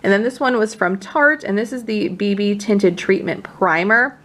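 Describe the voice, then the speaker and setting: A woman's voice: mid-range voice, animated, moderate pace, a bit bright. A woman who sounds a little out of breath, chatting casually to camera as a beauty vlogger running through products. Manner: informal, conversational. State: slightly out of breath from pregnancy.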